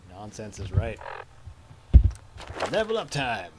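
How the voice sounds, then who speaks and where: A man's voice: on the low side, big pitch swings, takes it slowly, very noisy. A man streaming a game live, chatting casually and thinking aloud while he plays. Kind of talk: casual gameplay commentary.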